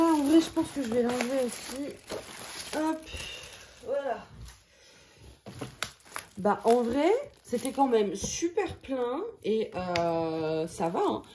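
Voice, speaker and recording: A woman's voice: a little high, expressive, takes it slowly, long pauses, noisy background. A woman chatting casually to her viewers while sorting craft canvases, thinking aloud and joking at her own expense. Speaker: crafting vlogger. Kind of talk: casual chat. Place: at home.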